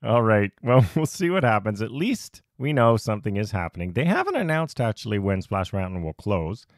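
Wry low-voiced male podcast host. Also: sing-song, normal speed, dry recording, clean studio sound. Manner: chatty, wry, lightly sarcastic. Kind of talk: casual chat.

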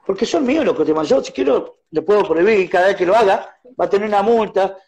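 A man with an Argentine accent, a musician guest speaking in a casual radio interview, telling his stories with animated acted-out exchanges. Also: sits high, fast, rough recording. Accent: Argentine Spanish. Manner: animated storyteller acting out phone quarrels. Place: radio studio.

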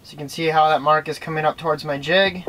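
A young fishing vlogger chats casually about how he fishes from inside a small ice fishing shelter, recorded on a camera-mounted shotgun mic with a windscreen. He talks fast in a fairly high, steady, slightly bright voice, and the recording is rough.

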